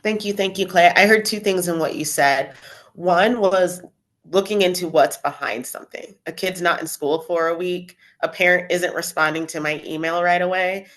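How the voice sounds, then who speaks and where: Low-voiced woman moderating a panel. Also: moderate pace. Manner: calm, summarizing and reading out questions.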